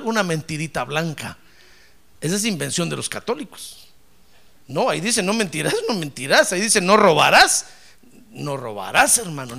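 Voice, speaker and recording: A man preaching a sermon in an animated way, with rhetorical questions, humor and loud exclamations of praise. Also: high-pitched, creaky.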